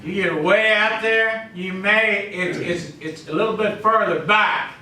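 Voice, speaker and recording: Emphatic pastor in an echoey church. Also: male voice, high-pitched, a little slow, a little hiss or hum. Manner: swings between loud emphatic calls and quiet asides; peppers speech with "you know" and "amen". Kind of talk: preaching a sermon. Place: church sanctuary. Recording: echoey church, mic at a distance.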